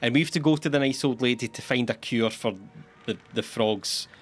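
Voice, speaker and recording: A man's voice: mid-range voice, brisk, faint music behind. A man joking his way through a live gameplay stream with sarcastic, rambling commentary. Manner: jokey, sarcastic, talks to himself. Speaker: streamer playing a game.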